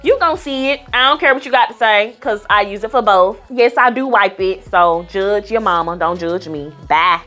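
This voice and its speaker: A woman's voice: medium pitch, moderate pace, few pauses, sharp tone. Sassy, playful woman over music. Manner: sassy, playful, addressing viewers directly. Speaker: beauty vlogger. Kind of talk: casual makeup tutorial voice-over. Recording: music playing behind the voice. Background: background music.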